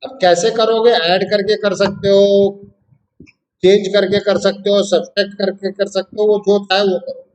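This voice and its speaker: A man's voice: high-pitched, flat delivery, normal speed, a little mellow, rough recording. A middle-aged man teaching a math lesson online, coaxing students and calling them "beta".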